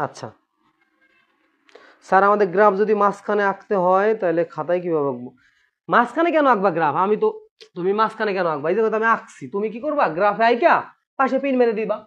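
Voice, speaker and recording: Patient man teaching math. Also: high-pitched. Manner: patient, asks students questions and repeats points. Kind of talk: classroom math lesson. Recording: dull lo-fi recording.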